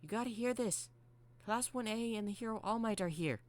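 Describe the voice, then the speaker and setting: A man's voice: high-pitched, a little fast, no room sound, voice pushed up, close to an everyday voice. A man voicing a hyper, cheerful female robot spirit girl who talks about herself in the third person. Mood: excited.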